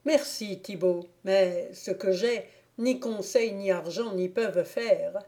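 A woman's voice: mid-range voice, slow pace, warm tone. A woman voicing a young, lovesick miller's lad who pleads and despairs, in an audiobook reading. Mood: despairing. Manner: plaintive, impassioned pleading.

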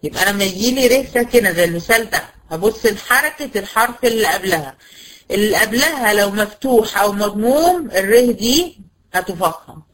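A woman's voice: medium pitch, animated, a bit bright, low-quality recording. Egyptian woman teaching tajweed, patient drills. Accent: Egyptian Arabic. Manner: patient, asks questions and answers them herself, drills sounds slowly. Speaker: Quran recitation teacher. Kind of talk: online tajweed lesson.

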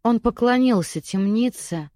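A woman's voice: a little high, animated, measured pace, dark tone, no echo, studio quality. Woman narrating a fantasy audiobook.

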